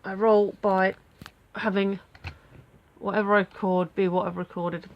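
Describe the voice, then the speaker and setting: A vlogger with a cold talks into her camera at home for a casual daily video diary, sounding stuffed up and snuffly. She rambles unhurriedly in a mid-pitched, level voice, laughing at herself and filling pauses with ums and sighs. The sound is lo-fi.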